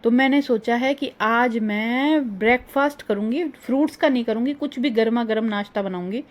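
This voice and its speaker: A middle-aged woman chatting through a casual vlog voice-over, rambling and homely, her voice a little hoarse. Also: on the high side, normal speed, muffled recording. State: slightly hoarse. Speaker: vlogger. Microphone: phone.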